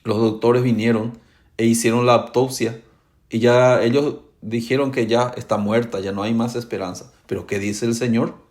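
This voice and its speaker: A middle-aged male pastor preaching a sermon, asking the congregation to answer back and acting out the quoted dialogue with big swings in pitch. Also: fairly even intonation, moderate pace, a little mellow.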